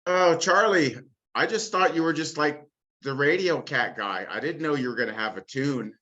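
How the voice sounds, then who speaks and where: A man's voice: on the high side, moderate pace, sharp tone. A man giving effusive feedback to another guest on a video call, with loose fillers. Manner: effusive, uses filler like "I mean, come on". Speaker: guest musician. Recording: dull lo-fi call audio.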